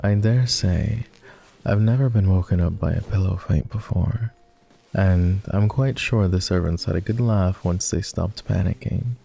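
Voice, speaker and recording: Faint music sits behind a man acting out a romantic ASMR roleplay as a doting, well-mannered vampire. His slow, formal speech comes in a very low, gravelly, creaky voice, and he is affectionate and courtly, with a touch of gentle teasing.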